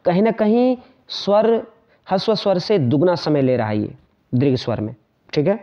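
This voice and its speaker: A man's voice: high-pitched, normal speed, dark tone. Man teaching a lesson, lo-fi sound. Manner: repeats points, checks in often with tag questions. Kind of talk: grammar lesson explaining to students. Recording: dull lo-fi sound.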